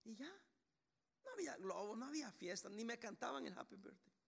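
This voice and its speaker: Male pastor, middle-aged, animated sermon, high gravelly voice. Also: fairly quick. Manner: animated, acts out voices in storytelling.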